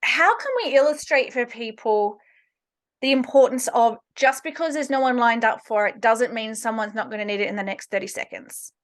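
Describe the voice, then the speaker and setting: A woman's voice: on the high side, normal speed. A woman hosting an interview podcast, asking questions and explaining her points emphatically. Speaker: podcast host.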